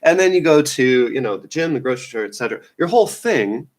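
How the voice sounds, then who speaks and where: A man's voice: medium pitch, lively intonation, fast. A man hosting a casual news roundup, rambling and offhand, with lots of fillers and restarts. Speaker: news show host.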